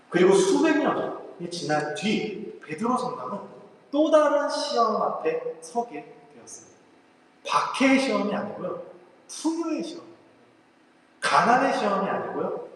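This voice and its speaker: A male pastor preaching a sermon in an earnest, reflective way, with soft drops and slow emphatic pauses. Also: high-pitched, a little hiss or hum. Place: church sanctuary. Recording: roomy hall echo, mic at a distance.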